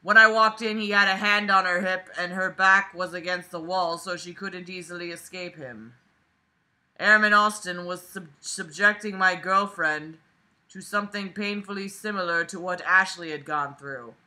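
Lying on a bed in a small bedroom, a woman in her twenties reads aloud mockingly, breaking off for sarcastic, exasperated, profane remarks. Her voice is lowish, pushed and bright, with fairly even intonation at a moderate pace, and the recording is rough.

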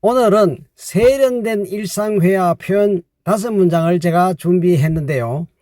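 A man teaching a spoken language lesson, patiently repeating phrases slowly for learners. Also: high-pitched, warm tone, dry recording, studio quality.

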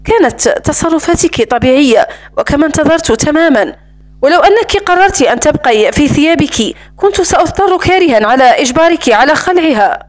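A woman's voice: sits high, expressive, brisk. A woman reading the lines of a mocking, cold man who holds a woman captive, in a sarcastic, taunting tone.

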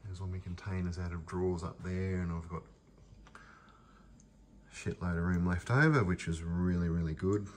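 A man whose voice sits low talks at normal speed in a steady tone during a casual tour of his home kitchen and pantry. He holds the phone camera himself, rambling with many fillers and restarts.

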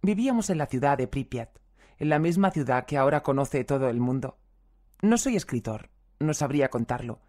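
A reader giving a calm, measured audiobook reading of first-person testimonies, reading the translator's footnotes aloud as well. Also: mid-range voice.

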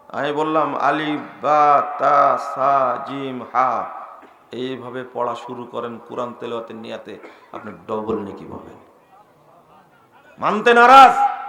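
Male preacher, high bright voice, emphatic sermon delivery, repeats for stress, roomy echo. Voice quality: quotes Arabic passages. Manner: emphatic, repeats phrases for stress, swings from loud to quiet. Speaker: Islamic preacher.

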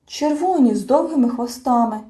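A woman voicing an eager young male troll creature, speaking excitedly, in an audiobook. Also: high voice, moderate pace, roomy sound, voice pushed up. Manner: excited and bright. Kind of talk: audiobook character voice.

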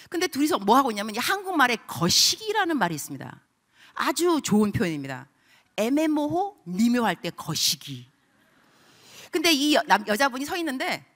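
A middle-aged woman pastor delivers a sermon as an animated storyteller, acting out the voices of the people she talks about. Her pitch swings widely from low asides to high outbursts. Her tone is bright and sharp.

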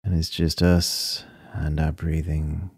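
Slow, deep-voiced man guiding meditation. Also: slightly rough, dry recording, clean studio sound. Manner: calm, soothing, unhurried delivery with short phrases and long pauses. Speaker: meditation guide. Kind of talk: guided breathing meditation.

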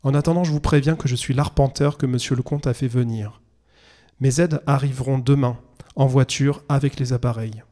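A weary but composed land surveyor who answers calmly and quietly, as a man reads him aloud in a storybook reading. The voice is mellow and warm, measured and unhurried. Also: close to an everyday voice. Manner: calm, low-voiced, measured.

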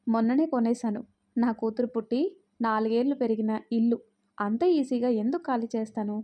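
A woman's voice: on the high side, fairly even intonation, a little fast, muffled recording, natural voice. A woman voicing a playful young husband who teases his wife and sister-in-law. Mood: teasing. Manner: playful teasing. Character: teasing, generous young husband.

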